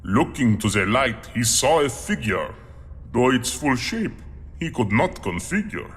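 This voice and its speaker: In an audio drama, a man plays a huge, courteous cannibal monster, earnest and proud, reciting verse in a formal, polite, theatrical way. His medium-pitched voice is sing-song, unhurried and a bit bright, and the mood is solemn and dramatic. Long, hall-like reverb fills the recording.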